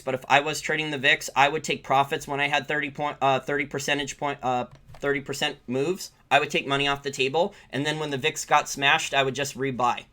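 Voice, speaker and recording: A forceful, bright voice on the high side belongs to an American finance channel host taking live questions from viewers. He riffs on the financial markets in an informal, opinionated way, hammering points through repetition.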